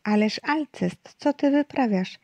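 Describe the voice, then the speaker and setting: A strict schoolteacher who is fed up with her unruly class gives firm orders, as a woman puts her on in a storybook reading. Her voice is mellow and warm underneath the sternness. The sound is close and dry. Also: fairly high pitch, expressive, measured pace, no echo. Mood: scolding. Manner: commanding, scolding. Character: stern, exasperated female schoolteacher.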